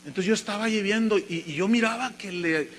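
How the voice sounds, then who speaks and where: A man's voice: high voice, a little fast, slight background noise. A man, a pastor preaching a sermon and telling a story while acting out the people in it. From Mexico.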